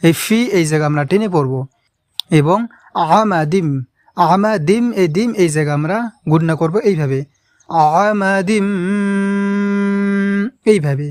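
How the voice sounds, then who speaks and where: A man's voice: a little high, a little mellow, dry recording, studio quality. A man who teaches Quran recitation step by step, patiently repeating and drawing out each word. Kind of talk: step-by-step pronunciation lesson.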